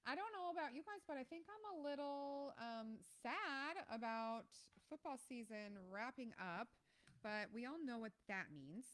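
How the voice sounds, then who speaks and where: A woman from Ohio hosting a live stream, chatting casually about football and reacting to plays with lots of ums and excited outbursts. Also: high-pitched, unhurried. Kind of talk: casual live game commentary.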